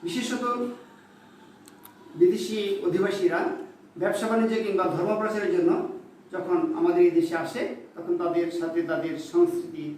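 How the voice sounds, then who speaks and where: A man teaching a grammar lesson, listing example words slowly and deliberately. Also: high voice, a little mellow, far from the mic. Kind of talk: classroom-style lecture. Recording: very echoey room, voice from off-mic, faint background noise.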